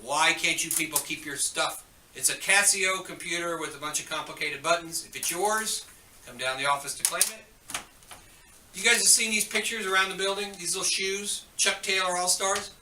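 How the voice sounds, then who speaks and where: A man's voice: sits high, normal speed, pushed and bright, roomy sound, far from the mic, a little hiss or hum, low-quality recording. A man giving chatty, joking school morning announcements, turning stern when he scolds students, heard over the school intercom.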